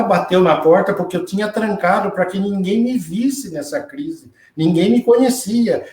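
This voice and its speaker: A man's voice: high-pitched, darkish tone. Earnest man, roomy distant sound. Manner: earnest storytelling, quoting others in dialogue. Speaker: interview guest. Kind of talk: personal testimony in a live interview. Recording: roomy echo, distant from the mic.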